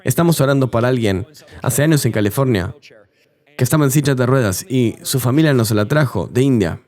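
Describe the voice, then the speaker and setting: A man's voice: medium pitch, expressive, a little fast, a little mellow. A man telling his testimony earnestly as an interview guest, in a dubbed voice-over of an interview.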